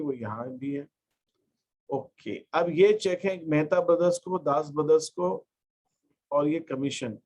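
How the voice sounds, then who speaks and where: Captured on a rough recording, his fairly high voice walks an accountancy class through each step. English terms slip into his explanation, and he reads them out slowly while writing them down.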